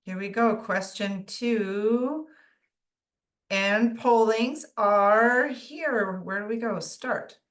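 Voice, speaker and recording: A woman's voice: fairly high pitch, extremely slow, a bit bright. A woman co-hosting a webinar, chatty and giggly, playing along with game-show banter. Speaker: webinar co-host. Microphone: video call.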